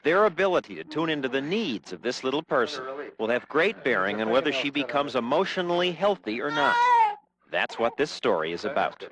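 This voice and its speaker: A man's voice: medium pitch, huge pitch swings, over a noisy crowd, rough recording. Man narrating a TV news report. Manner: measured, explanatory.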